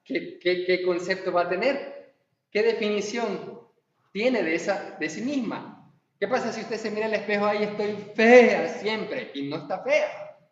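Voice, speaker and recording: High-voiced preacher in an echoey hall. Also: male voice, normal speed. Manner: animated, acts out quoted dialogue. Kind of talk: sermon. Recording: echoey hall, far from mic, dull lo-fi sound.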